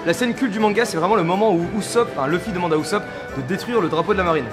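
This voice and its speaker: A man's voice: high voice, rapid-fire. A man hosting a vlog, chatting casually to the camera and his friends. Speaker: vlogger, host. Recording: loud music and crowd noise behind. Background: music and crowd.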